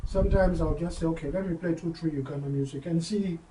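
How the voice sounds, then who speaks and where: A man DJ with a slightly high, mellow voice, talking in a loose interview with frequent restarts and repeated words. He sits back from the mic in an echoey room with faint ambient noise behind him. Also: fast talker. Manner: hesitant, repeats words while thinking. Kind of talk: casual interview. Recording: roomy sound, voice far from the mic, faint background ambience.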